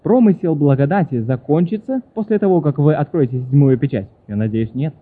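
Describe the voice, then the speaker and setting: A male preacher works through written questions in a sermon, stopping now and then to correct himself and apologize. His voice sits a little high, and the recording sounds thin and phone-like. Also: lively intonation, fairly quick. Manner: reads questions aloud and answers them, with frequent apologies and self-corrections.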